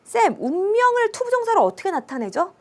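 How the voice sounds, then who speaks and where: A woman's voice: very high voice, very animated, darkish tone, pitched above the performer's own voice, full character voice. Eager puzzled student, as a woman teacher puts it on. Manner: puzzled, quick questions.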